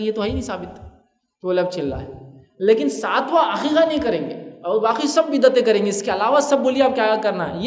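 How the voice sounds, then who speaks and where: A man preaching a sermon in a conversational way, asking rhetorical questions and acting out bits of dialogue. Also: sits high. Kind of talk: Urdu sermon lecture. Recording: echoey hall reverb.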